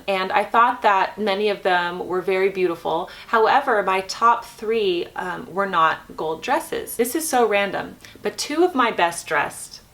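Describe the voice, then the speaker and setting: A woman host chatting casually in a vlog, keeping her voice quiet at night as if someone is asleep nearby. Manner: keeping voice low at night so as not to wake a sleeping baby.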